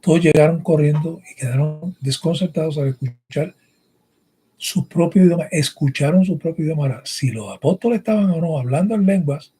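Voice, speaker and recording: A man who grew up bilingual in English and Spanish gives a brisk, emphatic teaching sermon with scripture reading, often checking in through short rhetorical questions. His slightly high voice is warm with a bit of roughness, and the recording itself is rough.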